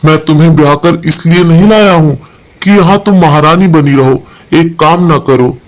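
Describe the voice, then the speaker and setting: A man's voice: a little high, moderate pace, natural voice. A man reading the part of an angry young husband who scolds his wife. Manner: shouting, scolding.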